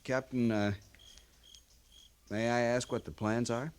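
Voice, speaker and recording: An actor playing an earnest young cavalry lieutenant, formal and respectful, in an old-time radio western. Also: male voice, medium pitch, fairly even intonation, slow pace, clear, resonant tone, close to an everyday voice.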